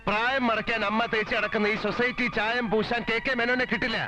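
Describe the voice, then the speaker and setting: A man's voice: very high voice, little pitch movement, fast talker, music in the background. An actor playing a heated young man who accuses his mother and defends his father.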